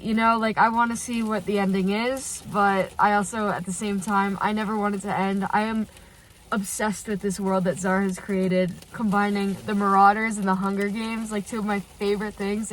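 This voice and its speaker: Recorded on low-quality audio, a medium-pitched woman reacts to fan fiction for her channel while parked in her car. Her cold leaves her stuffy and nasal, yet she gushes with excitement, leaning on "like" again and again in this casual vlog.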